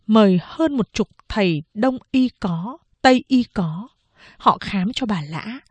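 A woman reading a novel aloud as an audiobook narrator, in a steady, even storytelling manner. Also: medium pitch, no room sound.

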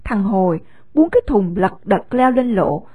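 A woman with a Southern Vietnamese accent narrating a story in an expressive storytelling way. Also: medium pitch, normal speed, husky, no echo, clean studio sound.

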